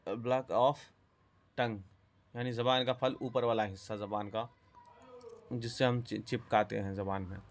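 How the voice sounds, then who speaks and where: A man giving a spoken lesson on speech sounds, pausing often, correcting himself and dropping in English terms. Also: mid-range voice. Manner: halting, self-correcting, mixes English terms. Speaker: teacher. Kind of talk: spoken lecture on phonetics.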